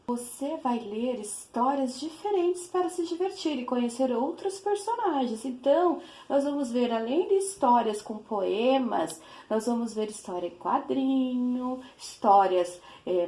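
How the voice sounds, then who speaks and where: A woman with a Brazilian Portuguese accent teaching an online class to young children, explaining in an affectionate, sing-song way. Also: on the high side. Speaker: primary school teacher. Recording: echoey room.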